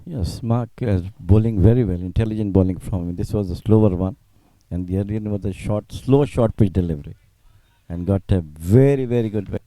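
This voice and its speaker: Guy cricket co-commentator giving his analysis, really mellow lowish voice, agreeable, emphatic, simple non-native phrasing. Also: brisk, no echo, rough recording. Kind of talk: conversational expert cricket commentary.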